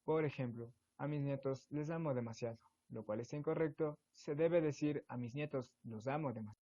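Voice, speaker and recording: A man's voice: mid-range voice, a little fast, warm tone. A man, a student presenter, reading definitions and examples evenly from a school presentation. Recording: dull lo-fi recording.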